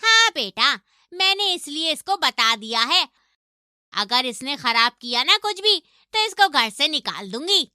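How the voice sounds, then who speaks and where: A shrill, bossy cartoon mother-in-law, played by a woman, sneering and domineering. Her voice sits high and rings very bright and sharp. It sounds dry and close, with no room around it. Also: very animated, measured pace, dry recording, heavily acted. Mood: scolding. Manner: taunting, domineering. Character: harsh scolding middle-aged mother-in-law. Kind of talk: animated story voice acting.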